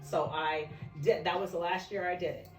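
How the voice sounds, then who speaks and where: A woman's voice: on the low side, fairly even intonation, moderate pace, roomy sound, distant mic, faint music behind, poor audio. A woman guest telling her own story in a casual chat, speaking frankly and laughing often.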